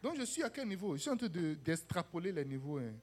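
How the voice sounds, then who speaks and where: Faint music plays behind a woman delivering a sermon, her low voice fast and breathy-edged. She's animated, calling the congregation to say "Amen" and "Alléluia" and voicing the people in her stories.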